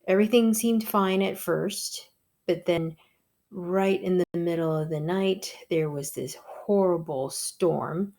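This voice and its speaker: A woman giving a gentle devotional talk, telling a story in a slow, soft-spoken way. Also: lowish voice.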